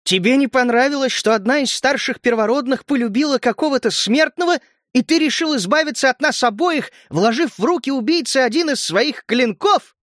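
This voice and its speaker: A man voicing a proud, fierce gnome queen who speaks in sharp, reproachful outbursts. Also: sits high, animated, normal speed, no room sound, studio quality. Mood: angry reproachful. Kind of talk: audiobook character reading.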